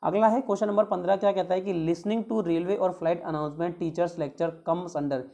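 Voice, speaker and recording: A male teacher going through exam questions one by one. He reads each English question slowly, then explains it in a chatty way, asking the class rhetorical questions. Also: sits high, a little mellow. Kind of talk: exam question walkthrough lesson.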